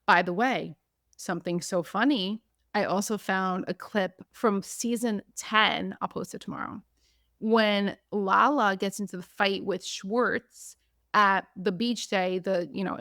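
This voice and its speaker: A woman hosting a podcast, recapping in casual chat, animated, acting out what others said. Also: medium pitch, a little slow, no room sound, clean studio sound. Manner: animated, acts out quotes, frequent "like". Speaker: podcast host.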